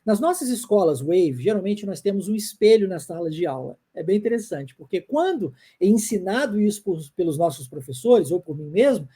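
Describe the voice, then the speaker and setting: A woman's voice: medium pitch, sing-song, a little fast, few pauses, dark tone, husky. A woman with a Brazilian Portuguese accent teaching an online pronunciation lesson. She repeats her examples and checks in often with her viewers. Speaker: English teacher.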